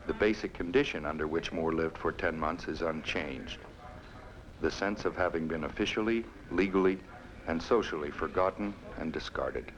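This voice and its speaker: A man reading scripted documentary narration in a measured, formal way. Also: low voice. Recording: dull sound, loud crowd behind.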